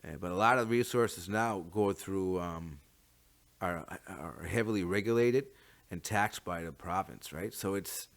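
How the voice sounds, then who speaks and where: A man with a First Nations Canadian English accent giving an informal, unscripted opinion monologue, haltingly thinking aloud and repeating words. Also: low voice. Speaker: talk show host.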